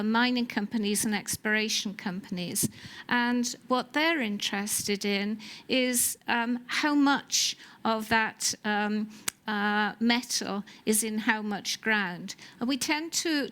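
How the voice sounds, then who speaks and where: A woman with a Welsh accent, a geology professor explaining her work in a TV interview, pausing often with um and uh. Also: on the high side, a bit bright. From Wales. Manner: explanatory, with many um and uh hesitations. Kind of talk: TV studio interview.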